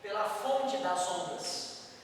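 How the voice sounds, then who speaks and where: A man's voice: high-pitched, takes it slowly. A man teaching a physics lesson, explaining each step patiently and tossing casual asides to his students. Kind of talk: classroom lecture. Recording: very echoey, distant, faint background noise.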